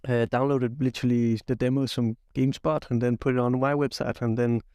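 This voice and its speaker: A young man who grew up in Belgium, co-hosting a casual podcast as a software engineer, talking haltingly with many fillers but with enthusiasm. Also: mid-range voice, little pitch movement, clean tone, no room sound. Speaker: podcast co-host.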